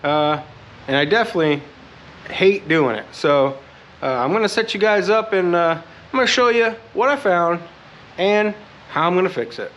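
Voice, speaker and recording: Slightly high-voiced man, under the weather. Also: expressive, moderate pace, highs cut off. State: under the weather, sick with a cold. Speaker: host of a DIY motorcycle repair channel. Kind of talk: casual how-to vlog talk.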